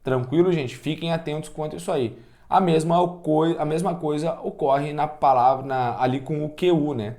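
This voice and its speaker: A man with a Brazilian Portuguese accent teaching a class, energetic, asking the students questions and counting out loud. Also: on the high side, normal speed. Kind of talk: online class lecture.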